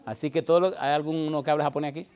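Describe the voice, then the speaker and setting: A man's voice: fairly high pitch, level tone, racing, a little mellow. A middle-aged male pastor preaching a sermon, firing repeated rhetorical questions at his congregation and building to emphatic peaks.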